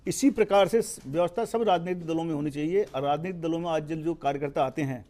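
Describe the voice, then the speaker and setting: A man's voice: a little high, fast, warm tone. A man speaking as a panel guest on a televised debate, earnestly urging better conduct in repeated phrases.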